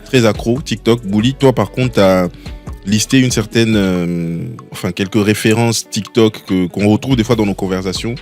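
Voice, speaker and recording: A man's voice: on the low side, moderate pace, darkish tone, soft background music. A man hosting a casual talk show, easygoing, agreeing often with short replies. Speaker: host. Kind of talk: casual chat.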